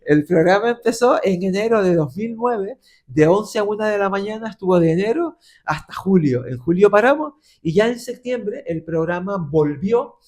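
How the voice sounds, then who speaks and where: A middle-aged radio presenter from Las Palmas de Gran Canaria, Spain, speaks with a Canarian Spanish accent in a high voice at a moderate pace. As a podcast guest he tells stories animatedly, voicing the people he quotes.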